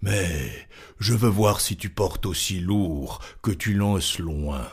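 Man doing a heavy, sneering giant; low, drawn-out, quiet delivery. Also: husky, full character voice. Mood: grudging. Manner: slow, contemptuous and heavy. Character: huge scornful male giant.

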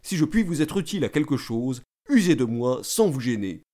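A man's voice: mid-range voice, very animated, normal speed, dark tone, close to an everyday voice. A man voicing a pompous, talkative middle-aged state councillor who lectures and boasts eagerly. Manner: self-important, eager, lecturing.

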